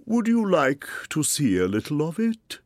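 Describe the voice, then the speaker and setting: Mournful old turtle creature, storybook style, very slow, swooping, theatrical. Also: medium pitch, wildly swooping pitch, darkish tone, dry recording, studio quality, voice pushed up. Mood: gently eager. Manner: drawn-out, wistful, theatrical. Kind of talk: children's audiobook character voice.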